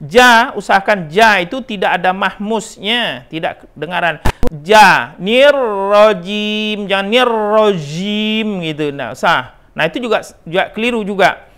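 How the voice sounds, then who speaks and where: A man's voice: high voice, expressive, normal speed, pushed and bright. A middle-aged man with an Indonesian accent teaches Quran recitation, drawing out syllables to demonstrate and repeating right and wrong forms, with frequent "nah" and "ya" checks. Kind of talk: Quran pronunciation lesson.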